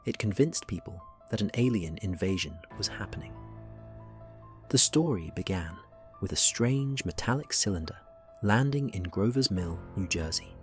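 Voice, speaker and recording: Brief: low-pitched male documentary narrator, dramatic scripted read, faint music underneath.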